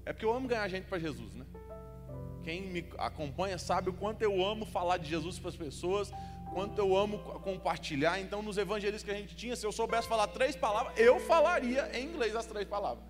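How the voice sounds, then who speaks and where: A man's voice: high-pitched, animated, fairly quick. A young man preaching a sermon with a Brazilian Portuguese accent, telling stories with humor and rising to emphatic calls. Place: church hall. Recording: echoey church hall, faint music.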